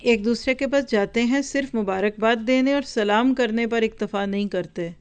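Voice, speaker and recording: A woman's voice: on the high side, moderate pace, darkish tone, clean tone. A woman giving a religious lesson. She reads from a book, explains its words and speaks straight to her listeners. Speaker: religious teacher. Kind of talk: teaching lecture reading and explaining a book.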